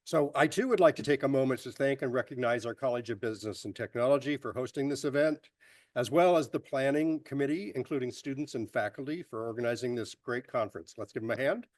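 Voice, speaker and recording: A man giving a measured, formal welcome speech at a university conference. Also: medium pitch, no echo, distant mic. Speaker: university official welcoming attendees.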